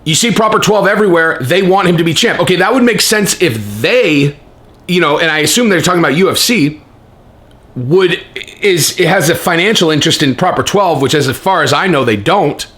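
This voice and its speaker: A man with a somewhat high-set voice delivers casual, profane reaction commentary. He rants in an animated, incredulous way, leaning on repeated rhetorical questions like a channel host talking straight to his regular viewers. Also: fairly quick.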